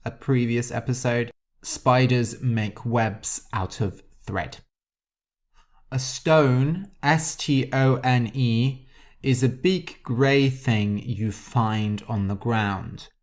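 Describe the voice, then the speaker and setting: Slow, deliberate male podcast teacher. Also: medium pitch. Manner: slow, deliberate, spells words letter by letter. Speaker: podcast host. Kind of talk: scripted vocabulary lesson for learners.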